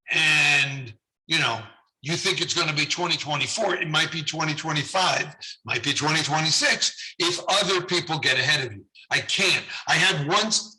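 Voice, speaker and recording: A man's voice: fairly high pitch, sharp tone, low-quality recording. A middle-aged man, a journal editor, rambling chattily in a recorded conference talk while losing his voice. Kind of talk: prerecorded conference video talk.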